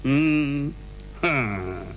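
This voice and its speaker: A man hosting a radio show, telling a story in a lively way and leaping high in pitch for punchlines. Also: very slow, soft background music. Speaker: radio host. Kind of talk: animated radio storytelling and proverbs. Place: radio studio.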